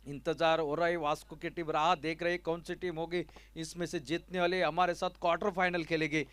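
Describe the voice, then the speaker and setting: A man's voice: a little high, level tone, a little fast, fairly bright tone, clean tone, no echo. A man with an Indian accent giving live ball-by-ball cricket commentary.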